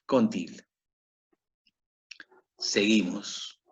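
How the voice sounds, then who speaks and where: A middle-aged man teaching a grammar lesson, repeating himself and checking in with his listeners as he goes. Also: lowish voice. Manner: slow, repetitive, checks in with "¿ok?". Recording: dull lo-fi recording.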